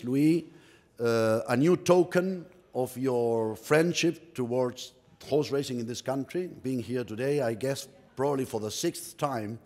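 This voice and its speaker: A man's voice: medium pitch, a little mellow. Middle-aged man, English; executive's earnest welcome address from a podium mic, long hall reverb. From Uruguay. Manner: earnest, proud, repeats words while searching for phrasing. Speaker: company executive giving a welcome speech. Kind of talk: formal welcome speech. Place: indoor press room at a podium. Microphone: podium microphone.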